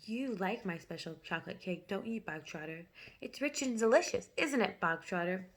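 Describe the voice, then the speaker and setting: Brief: a woman voicing a furious bully headmistress, slow, booming, high and sharp. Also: lively intonation. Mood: sly. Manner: barking, bellowing insults.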